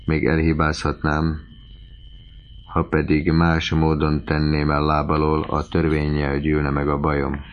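A man voicing a cold, stern aristocratic husband who speaks in a measured, commanding way. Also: a bass voice. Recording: slightly muffled lo-fi recording.

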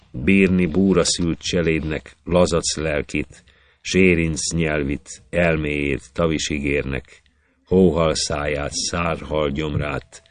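A man with an extremely deep voice recites an epic poem. He lets each line of verse fall into a measured, rhythmic beat. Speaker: poetry reader.

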